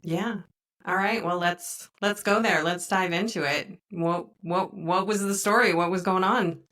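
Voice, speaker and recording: A woman's voice: on the low side, steady tone, a little slow, fairly bright tone. A woman hosting a podcast interview, prompting her guest with short, encouraging questions. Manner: brief encouraging responses. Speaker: podcast host. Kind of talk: interview host. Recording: distant mic with faint noise.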